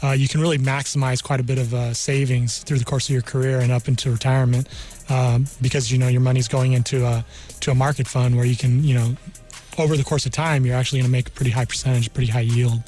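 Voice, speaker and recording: This man from New Mexico in the United States talks fast, with a medium-pitched, level, slightly dark voice. He's an army career counselor explaining things earnestly during an informal radio interview, with music playing behind him.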